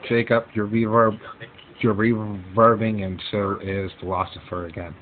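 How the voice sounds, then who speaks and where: A man moderating a casual group discussion on a voice call, deliberate and repeating words as he starts sentences. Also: on the low side, little pitch movement, narrow, tinny audio, slight background noise. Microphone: computer microphone on a voice call. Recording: compressed online voice call.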